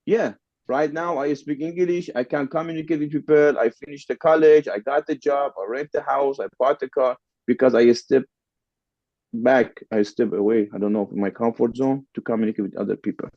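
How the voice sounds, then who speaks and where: A Farsi-speaking man from the Middle East talks in English with a Persian accent, telling stories casually as a podcast guest and repeating phrases to stress them. His voice sits at medium pitch with a darkish tone, fairly even intonation and a moderate pace. The recording is dry and lo-fi.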